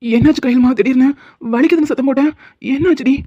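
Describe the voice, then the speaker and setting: A woman voicing a teasing, doting young husband in an animated cartoon who worries easily. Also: high voice, quick pace, no room sound, dull audio. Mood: worried doting. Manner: teasing, fussing, affectionate.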